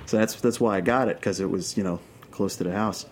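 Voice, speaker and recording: A man from Queens with a Brooklyn New York accent, chatting casually as an interview guest and telling anecdotes in a halting way, repeating phrases. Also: lowish voice. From Queens, New York City. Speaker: interview guest, documentary filmmaker. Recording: clear background noise, room ambience.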